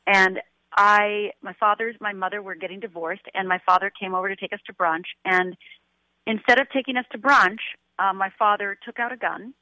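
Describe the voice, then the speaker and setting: A woman's voice: medium pitch, dry recording. Middle-aged woman on a tinny phone line. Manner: earnest, emotional, voice rises when quoting herself. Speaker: guest, life coach. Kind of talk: radio interview, personal story. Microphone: telephone.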